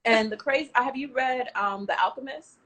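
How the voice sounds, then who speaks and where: She's a travel platform founder in her thirties, originally from Miami, Florida, chatting through her story in a relaxed interview. Her voice is high and her pace normal, and she animates the tale with performed quotes and plenty of fillers.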